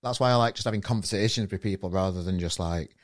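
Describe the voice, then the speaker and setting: A man's voice: sits low, fast. A man hosting a podcast in casual chat, rambling and stumbling over his questions. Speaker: podcast host.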